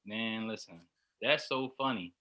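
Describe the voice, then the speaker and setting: A man's voice: fairly low pitch, measured pace, pushed and bright. A man co-hosting a podcast, mostly reacting with short comments and laughs in casual chat. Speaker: podcast co-host.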